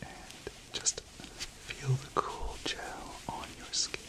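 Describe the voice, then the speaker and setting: A middle-aged man in a whispered role-play as a gentle, reassuring chemist, speaking in a soft, soothing spa whisper. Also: slow pace, low-quality recording. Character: gentle, reassuring male chemist tending to a client. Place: indoor studio set.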